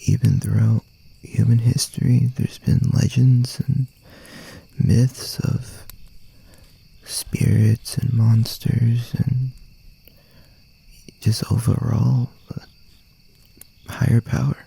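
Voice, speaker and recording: In an intimate ASMR roleplay, a man plays a gentle, teasing young boyfriend comforting a scared partner, musing slowly and reassuringly with pauses. His exaggerated voice is a soft, breathy, husky, gravelly low murmur with a level tone. The recording quality is low.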